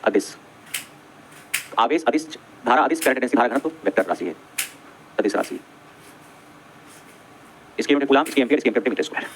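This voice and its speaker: Rapid-fire male teacher drilling definitions. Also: mid-range voice, expressive, a bit bright, a little hiss or hum. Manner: repeats each definition several times and quizzes the class; brisk, drilling, addresses students directly. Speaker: electrical trade teacher. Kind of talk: classroom exam-prep lecture.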